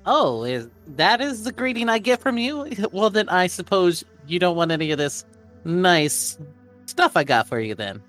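A man's voice: high voice, very animated, normal speed, fairly bright tone, soft background music, pitched above the performer's own voice. A man voicing a touchy, wheedling old grandfather in a tabletop game, with a whiny, nasal voice. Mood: whiny, offended. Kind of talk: tabletop role-play.

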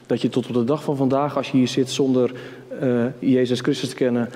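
A man preaching a sermon with passion, dropping to hushed whispers and rising to high, urgent calls. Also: little pitch movement, a little fast. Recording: long hall reverb.

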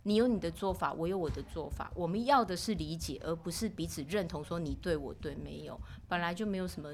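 A middle-aged woman, telling stories as a podcast guest in an expressive way, acting out what people said. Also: quick pace, a little hiss or hum. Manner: expressive, acts out quoted speech with rising pitch. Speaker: podcast guest, mother of two sons. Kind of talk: casual storytelling chat.

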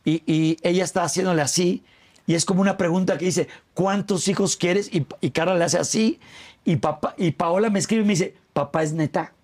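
A man's voice: high voice, fairly quick, darkish tone. A middle-aged Mexican man chatting as an interview guest, telling long anecdotes, repeating words and acting out his family's lines. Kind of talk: casual interview chat.

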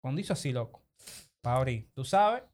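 A man with a Dominican accent telling a casual, comic story to friends in slangy, animated speech, acting out the dialogue. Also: medium pitch, a little fast, heavy background noise.

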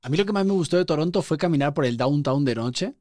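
A man's voice: fairly high pitch, fast talker, no room sound, clean studio sound. A man, a podcast guest chatting casually and acting out the voices in his stories. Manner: animated storyteller, acts out quoted voices.

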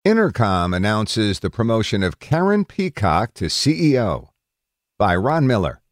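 A deep-voiced man reads written news articles from a script at a measured pace, his intonation moving around in a lively way. The sound is dry with no echo or room around it.

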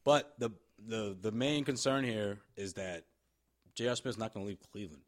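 A man co-hosting a casual sports podcast, teasing and repeating himself in quick bursts. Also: on the low side. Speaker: podcast co-host.

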